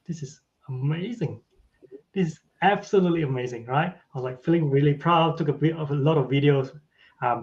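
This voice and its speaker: Interview guest: man, forties, easygoing and chatty, keeps checking in with "right?", mid-range pitch, dull lo-fi sound. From Malaysia. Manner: tags sentences with a questioning "right?". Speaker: podcast guest. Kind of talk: casual interview chat. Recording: dull lo-fi audio.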